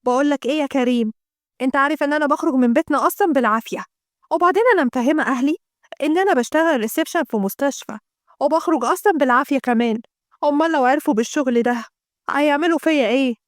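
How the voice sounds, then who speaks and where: A resentful, sharp-tongued young secretary with an Egyptian accent, voiced by a woman. She speaks in an indignant, bargaining tone, her voice high and quick in a dry recording. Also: no room sound, close to an everyday voice. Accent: Egyptian Arabic.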